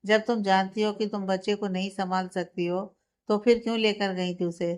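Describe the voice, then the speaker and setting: A woman voicing a young husband who scolds his wife sharply, with a smooth, clear voice. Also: medium pitch, steady tone, normal speed, close to an everyday voice. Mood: angry. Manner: sharp, reproachful.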